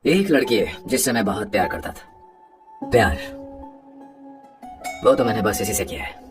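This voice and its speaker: An earnest lovesick young film hero whose voice swings up and down with feeling. He is emotional and impulsive, and loud film music plays under his lines in this dubbed movie. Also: very high voice, sing-song, quick pace, recorded from a distance. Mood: wistful. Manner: emotional, pleading. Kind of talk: Hindi film dub. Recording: film score behind voice.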